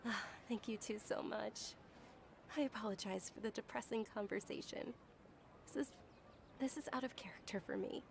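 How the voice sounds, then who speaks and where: An actress voicing a hopeful, sincere young woman organizing a festival in a dubbed game, soft and heartfelt. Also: mid-range voice, moderate pace, gravelly, a little hiss or hum, close to an everyday voice.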